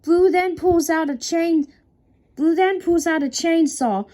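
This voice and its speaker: Woman narrator, horror story read-out, slow and mellow, stumbles and restarts a lot. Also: extremely high pitch. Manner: slow, halting, frequent restarts. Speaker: creepypasta narrator. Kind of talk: unscripted horror story reading.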